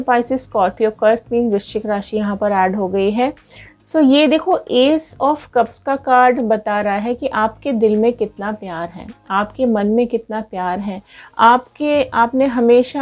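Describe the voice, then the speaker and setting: A woman's voice: on the high side, a little mellow. A woman giving a tarot card reading, talking straight to her viewers in an earnest, repetitive way. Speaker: tarot reader.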